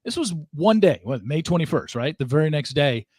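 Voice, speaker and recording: A man's voice: a little high, sing-song, a little fast, a little mellow, husky, dry recording, clean studio sound. A man hosting a podcast interview, emphatically recapping events for his guest and voicing disbelief. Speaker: podcast host.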